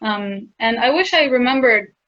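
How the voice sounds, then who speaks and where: A woman's voice: a little high, animated, normal speed. A woman on a research station's staff, answering questions in a casual live Q&A chat and laughing between points. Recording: dull lo-fi stream audio.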